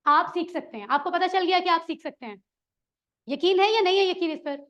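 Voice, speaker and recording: A woman leads a classroom lesson in a very high voice. She keeps encouraging her students and asks them questions. The recording sounds dull and lo-fi. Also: fairly quick. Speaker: Quran Arabic teacher.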